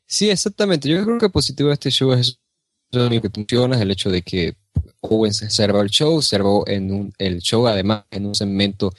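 A man with a mid-pitched voice talks chattily on a podcast, joking and turning to speak to the listeners. The recording is dry and close-miked. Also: lively intonation, normal speed, no echo. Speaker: podcast co-host. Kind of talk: casual wrestling podcast chat.

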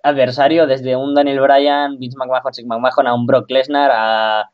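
A man co-hosts a casual podcast in a relaxed, opinionated way, swearing casually. His voice comes through a slightly dull, lo-fi recording. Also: medium pitch, a little slow. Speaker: podcast co-host. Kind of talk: casual wrestling podcast chat.

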